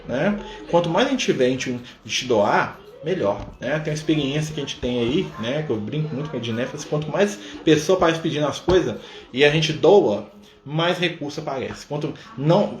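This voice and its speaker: A man's voice: a little high, animated, echoey room. A Brazilian man leading a live-streamed spiritist study talk, conversational, often tagging his sentences with a questioning "né?". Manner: conversational, fills pauses with a questioning "né?". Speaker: spiritist study group leader. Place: room at a community center.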